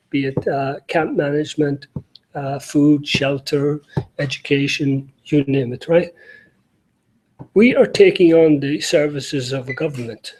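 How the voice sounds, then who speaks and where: A man's voice: on the high side, a little mellow, breathy edge, poor audio. A middle-aged man with an Irish accent, giving a conference talk with many fillers and restarts. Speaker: panel speaker.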